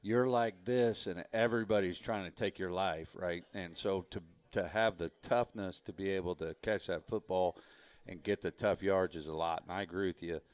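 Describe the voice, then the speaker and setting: A man speaking as a head football coach in a relaxed interview, rambling a bit as he explains. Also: low-pitched, normal speed. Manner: relaxed, rambling, frequent "you know" fillers. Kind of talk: casual interview talk.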